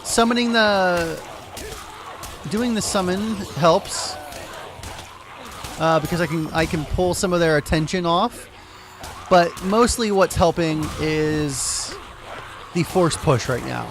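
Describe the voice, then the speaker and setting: Male let's-play host, slightly high voice, blunt and sweary gameplay commentary. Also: slow, long pauses, noisy background.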